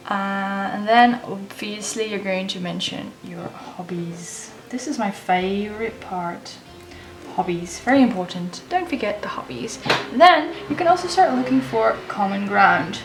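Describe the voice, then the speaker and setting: A woman's voice: mid-range voice, a little slow, roomy sound, faint music behind. A woman chatting casually as she hosts a how-to vlog, her speech slightly off from a swollen jaw. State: swollen jaw after wisdom teeth removal, speech slightly impeded. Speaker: letter-writing blogger and video host.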